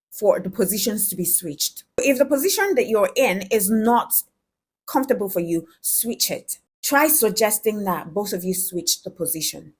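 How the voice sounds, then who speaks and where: A woman's voice: medium pitch, darkish tone, breathy edge. A woman talking frankly and directly to her viewers, giving relationship advice in a conversational way. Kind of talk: direct-to-camera advice talk.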